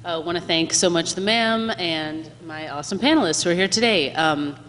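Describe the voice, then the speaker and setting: A woman's voice: on the low side, moderate pace, fairly bright tone. A woman in her thirties from Miami, hosting and moderating a live panel in a friendly, explanatory way. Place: museum event hall before an audience. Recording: live hall reverb, faint room noise.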